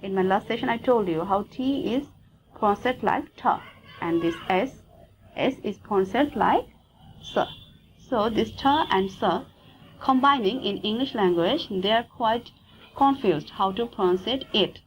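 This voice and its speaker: Slow Bengali-accented woman teaching phonetics. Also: mid-range voice, lively intonation, slight background noise, poor audio. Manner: slow and deliberate, repeating sounds for practice. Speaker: English pronunciation teacher. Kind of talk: phonetics lesson.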